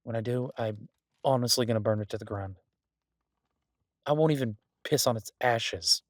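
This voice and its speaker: A man plays a doting, restless mafia boss stuck baking in a safe house, voicing one side of an intimate phone call in an audio roleplay. Exasperated and griping, he talks conversationally with theatrical, playfully dramatic frustration and swearing. His medium-pitched voice, at normal speed and close to an everyday voice, is recorded dry at studio quality.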